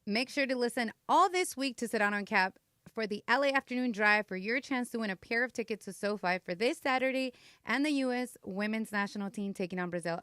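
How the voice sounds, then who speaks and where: A woman's voice: on the high side, a bit bright, dry recording, clean studio sound. A woman delivering a radio contest promo, announcing a giveaway and urging listeners to call in like an announcer. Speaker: radio show staffer giving away prizes. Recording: radio broadcast over music bed.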